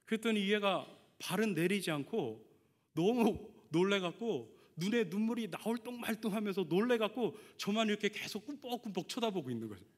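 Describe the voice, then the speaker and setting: Male pastor, middle-aged, expressive sermon delivery, long church reverb. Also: high voice, a little fast. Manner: emphatic, asks the congregation questions, tells family anecdotes. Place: church sanctuary.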